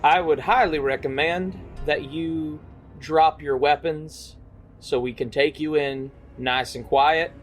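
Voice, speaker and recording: A man's voice: fairly high pitch, close to an everyday voice. A man voicing a stern, folksy woman queen of a desert town, with a casual drawl. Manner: drawling, casual, talks down to outsiders.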